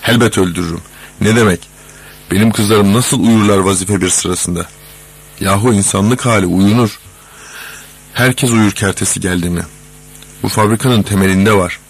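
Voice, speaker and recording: A man voicing an enraged middle-aged father and factory foreman, shouting frantically in a storybook reading. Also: lowish voice, fairly even intonation, normal speed, long pauses, breathy edge. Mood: raging.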